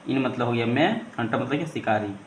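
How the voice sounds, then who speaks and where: A man's voice: medium pitch, animated, brisk. A man teaching English, reading a story line by line and explaining each phrase in Hindi. He keeps repeating "ठीक है" and asks questions that he answers himself. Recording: roomy echo, faint ambient noise.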